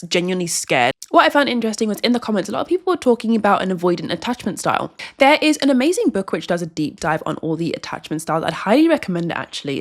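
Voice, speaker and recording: Brief: young woman, vlog host, earnest and chatty, pitch bouncing all over. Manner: earnest, chatty, many restarts and likes. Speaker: video host. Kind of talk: casual vlog talk to camera.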